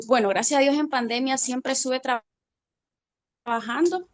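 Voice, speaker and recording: A woman from Guatemala shares a personal testimony over a video call on her phone. Her voice sits somewhat high, and she talks in a halting, hesitant way, dropping almost to a murmur at the heavy moments. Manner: hesitant, halting, voice drops low when moved. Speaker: class participant sharing a testimony.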